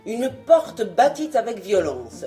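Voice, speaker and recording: A woman narrating a novel in an expressive, dramatic audiobook reading. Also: on the high side, slow pace, faint music behind. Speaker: audiobook reader. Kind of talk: scripted narration.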